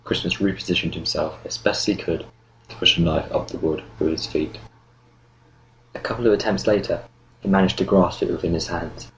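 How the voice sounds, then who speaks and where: A man reading an audiobook novel in steady, measured narration. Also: deep voice, a little hiss or hum, low-quality recording. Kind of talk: scripted narration.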